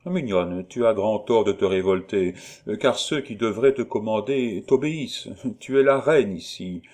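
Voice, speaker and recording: A man's voice: lowish voice, animated, normal speed, a little mellow, close to an everyday voice. A man playing a sly, doting old colonel. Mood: teasing. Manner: coaxing, falsely paternal.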